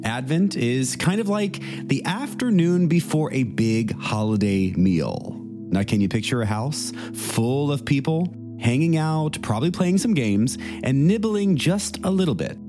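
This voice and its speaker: A man, a priest, leading a reflective meditation and reading scripture in a measured, gentle voice. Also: medium pitch, sing-song. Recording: music playing underneath the voice. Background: soft instrumental music.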